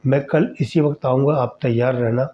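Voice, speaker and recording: A man voicing an invisible male spirit who speaks softly and reassuringly, like a secretive helper in a spoken horror story. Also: mid-range voice, steady tone, a little hiss or hum, natural voice. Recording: dull lo-fi recording.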